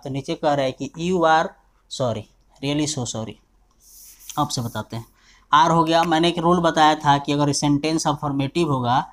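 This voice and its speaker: A male teacher explaining grammar rules step by step. He keeps asking whether students have understood, and he slows down to dictate example sentences. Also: fairly high pitch.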